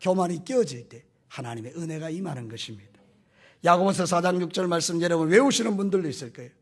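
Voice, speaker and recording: A man's voice: on the high side, fast. A male pastor giving a Sunday morning sermon in church. He talks straight to the congregation and asks them questions. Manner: addresses the congregation directly with questions; acts out quoted voices. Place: church sanctuary.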